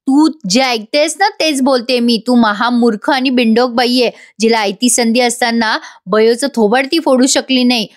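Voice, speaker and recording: A woman voicing a sharp-tongued, scheming older aunt who scolds and insults. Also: on the high side, normal speed, few pauses, close to an everyday voice. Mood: scolding.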